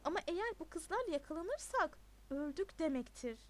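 A woman's voice: extremely high pitch, very animated, moderate pace. Woman doing a nervous teenage schoolboy. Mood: anxious.

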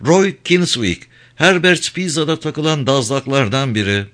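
A man voicing a young male police colleague who reports briskly, in an audiobook reading. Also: medium pitch, animated, fairly bright tone, pitched above the performer's own voice. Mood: reporting.

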